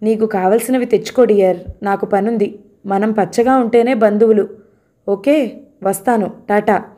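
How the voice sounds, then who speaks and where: A woman's voice: medium pitch, steady tone, normal speed, mellow, close to an everyday voice. A woman voicing a curt, teasing young husband in a novel reading. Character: grumbling young husband, office-bound.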